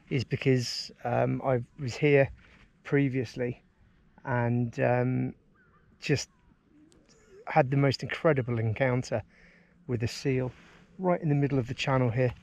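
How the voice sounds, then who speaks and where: Recorded dry on an action camera attached to his kayak, an Englishman in his forties talks with a gravelly, medium-pitched voice as he travels down a river. He's an outdoors vlogger giving casual, enthusiastic narration, relaxed and thick with ums and uhs.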